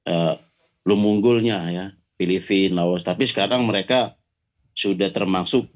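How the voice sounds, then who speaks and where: A man's voice: low-pitched, moderate pace. A man in his forties, a guest and former national team striker, answers hesitantly with many fillers over a remote call line that keeps breaking up. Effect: call line with dull, lo-fi sound that keeps breaking up. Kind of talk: casual interview answers.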